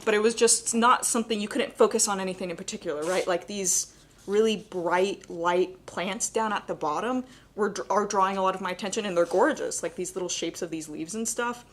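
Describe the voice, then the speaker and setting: A woman's voice: medium pitch, brisk. Young woman art teacher, casual chatty live painting demo, says like a lot, voice a bit cracky. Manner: casual, chatty explaining with many "like" and "kind of". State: voice cracking slightly. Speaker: painting instructor.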